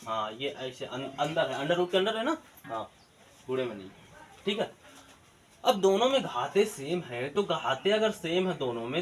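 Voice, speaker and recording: A man's voice: on the high side, a little hiss or hum. A man teaching a math lesson, asking questions and answering them himself in a colloquial way. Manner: colloquial eastern Hindi words. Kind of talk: classroom-style math lesson video.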